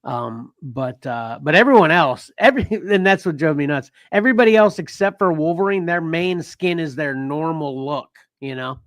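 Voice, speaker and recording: A man hosting a casual comics podcast, rambling with restarts and quick laughs. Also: on the high side, animated, dry recording. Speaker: podcast host. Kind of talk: casual chat.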